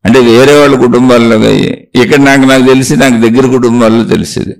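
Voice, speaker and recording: A man delivers a spiritual talk in a gravelly voice, hammering his points through repetition. He sounds set back from the microphone, at an ordinary middle pitch. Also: steady tone, fast, far from the mic. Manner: repetitive, emphatic, lecturing. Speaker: spiritual speaker.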